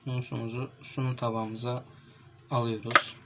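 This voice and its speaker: A young man from Turkey, a gastronomy student, calmly walking through a cooking demonstration step by step, with pauses and fillers. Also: mid-range voice. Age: young adult. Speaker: gastronomy student presenting a recipe. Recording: dull lo-fi home recording with faint noise.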